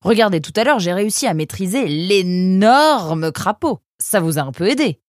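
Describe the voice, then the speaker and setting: Reading a storybook, a woman voices an eager young male creature who stammers excitedly with many "euh" hesitations. Her medium-pitched voice moves at a moderate pace and stays close to everyday speech, recorded with studio quality and no echo.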